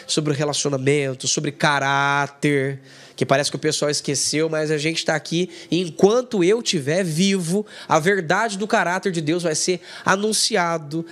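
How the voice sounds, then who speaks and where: A man from Brazil teaching an online Bible lesson as a pastor, emphatic and animated, acting out dialogue. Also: a little high.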